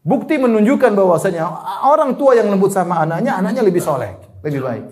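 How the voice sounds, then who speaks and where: A man giving an Islamic sermon, rising to emphatic points and then dropping to soft, low asides, sometimes chuckling at his own examples. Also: sing-song, fast. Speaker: preacher.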